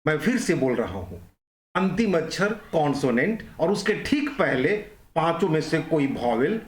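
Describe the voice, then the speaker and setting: A man's voice: on the high side, big pitch swings, moderate pace. Man teaching grammar in an echoey room. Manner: explains step by step, repeats key points. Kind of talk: online grammar lesson.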